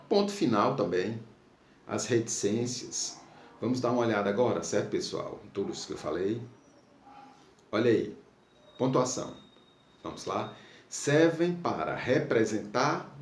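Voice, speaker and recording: Male schoolteacher from Brazil, patient and animated, recorded in a roomy space with faint noise. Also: medium pitch. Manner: patient, checks in with pupils often. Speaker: teacher. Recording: echoey room, faint background noise.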